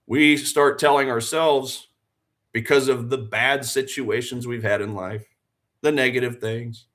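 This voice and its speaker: A forties-aged man leads a live trading stream with a medium-pitched, slightly bright voice, a steady tone and a measured pace. He delivers motivational talk and trading commentary earnestly and with fire, leaning on repeated phrases and rhetorical questions to the viewers.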